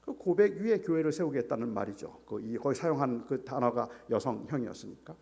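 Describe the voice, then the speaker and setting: A male pastor giving an animated sermon, telling the story vividly and acting out the voices of its figures. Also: mid-range voice, a little fast, creaky, long reverb tail. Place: church sanctuary.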